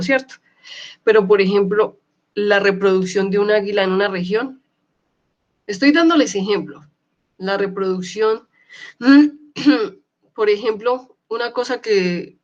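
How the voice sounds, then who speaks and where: Lady teaching an online class, repeats stuff slow, keeps asking "ok?", kinda muffled call audio. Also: medium pitch, darkish tone. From Colombia. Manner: checks in often with students, repeats key words slowly. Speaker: university lecturer.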